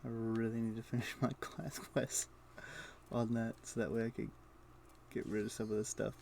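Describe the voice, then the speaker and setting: Livestreaming a game, a man talks casually and thinks aloud in clipped fragments, his voice lowish, creaky, and darkish, delivered flatly at a moderate pace. The sound of keyboard typing and mouse clicking runs faintly underneath.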